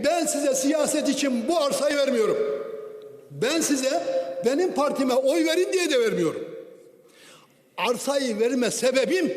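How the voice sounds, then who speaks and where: High-voiced man at a lectern microphone. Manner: declamatory, with rhetorical questions. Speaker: member of parliament. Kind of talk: formal political speech. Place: large parliament chamber. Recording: long hall reverb.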